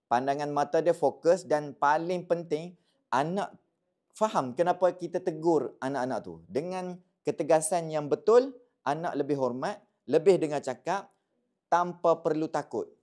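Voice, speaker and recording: A man with a Malaysian accent giving casual parenting advice to the camera. He talks in a lively way, mixes in English words and keeps checking in with his listeners. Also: on the high side, a little slow. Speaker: parenting content creator.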